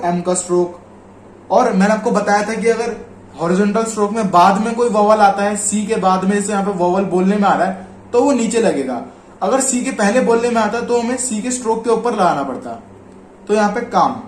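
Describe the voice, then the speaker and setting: A man with an Indian Hindi accent gives a casual spoken lesson. His voice sits fairly high for a man, and he explains patiently, drawing out the example words. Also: normal speed, slight background noise. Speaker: shorthand teacher.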